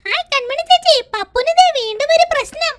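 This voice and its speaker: Chitti, a bossy little cartoon heroine. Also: female voice, very high voice, animated, normal speed, heavy background noise. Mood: eager. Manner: cheerful and commanding. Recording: loud music behind voice.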